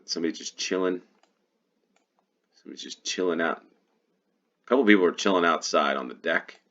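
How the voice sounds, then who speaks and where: A man's voice: deep voice, moderate pace, fairly bright tone, lo-fi sound. An American man giving casual gameplay commentary as he plays, thinking aloud and correcting himself as he goes. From United States. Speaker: GeoGuessr player and host.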